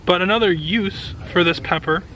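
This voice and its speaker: A man speaks in a bright, slightly raised voice. He narrates what his hands are doing in a casual, enthusiastic vlog style. There is light noise in the background. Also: high-pitched, normal speed, rough recording. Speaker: vlogger, home gardener.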